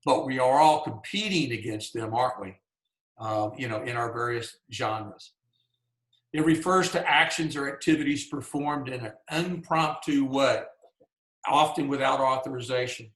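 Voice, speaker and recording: Southern guy teaching a writers workshop on a video call, folksy chatty style, mid pitch, echoey room sound. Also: normal speed, fairly bright tone. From Georgia, US. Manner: folksy and conversational, many "you know"s. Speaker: workshop presenter. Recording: roomy echo.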